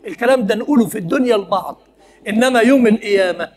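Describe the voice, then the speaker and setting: A man's voice: high-pitched, racing. A male preacher with an Egyptian accent giving a conversational sermon, often asking his listeners questions and laughing as he talks. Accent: Egyptian Arabic.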